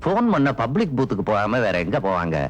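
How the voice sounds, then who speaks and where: An actor playing a skeptical, dismissive boss who brushes off a reporter's suspicions in a 1990s film. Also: male voice, mid-range voice, huge pitch swings, quick pace, a little hiss or hum. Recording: film soundtrack with music.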